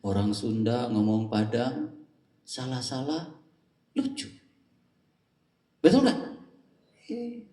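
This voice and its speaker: Slow, lively joking male religious teacher. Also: mid-range voice. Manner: joking, quizzes the audience with questions. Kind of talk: humorous religious lecture. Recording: echoey room, mic at a distance.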